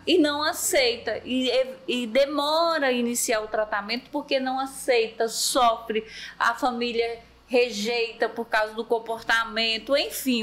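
A woman's voice: on the high side, fairly bright tone. A woman, a mental health worker, explaining things earnestly in a casual panel talk. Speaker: mental health professional guest.

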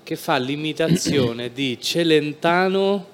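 A man co-hosting a podcast, telling stories and pitching ideas with enthusiasm in casual chat. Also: takes it slowly. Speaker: podcast co-host.

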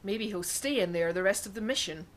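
In a comic radio-play performance, a woman voices a brusque, scheming flight engineer aboard a space station. Her voice is natural and medium-pitched, and she speaks fairly quickly.

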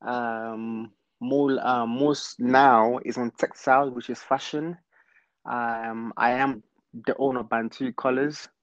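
A Congolese-born London man talking in a casual interview as a guest, hesitant and filling pauses with ums. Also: medium pitch, steady tone, dry recording, highs cut off. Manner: hesitant, many ums, laughs easily. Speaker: guest, fashion brand founder.

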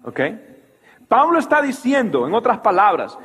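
A man preaching a sermon as pastor, animated and full of rhetorical questions, in a church hall. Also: very high voice, normal speed, breathy edge.

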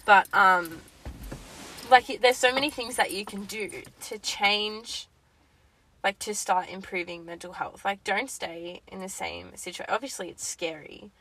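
A woman's voice: medium pitch, unhurried, bright, forceful tone, poor audio. A woman co-hosting a casual advice chat, talking informally with slang and swearing. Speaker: podcast co-host.

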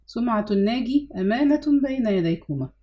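A woman's voice: fairly high pitch, expressive, quick pace, dark tone, natural voice. A woman reading a proud, pleading aunt. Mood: earnest. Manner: earnest, pleading.

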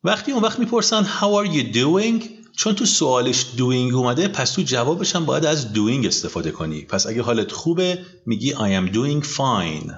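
A man teaching a language lesson, patiently repeating each phrase slowly for the learner. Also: medium pitch, very animated. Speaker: English teacher. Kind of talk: language lesson, slow model pronunciation. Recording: dull lo-fi audio.

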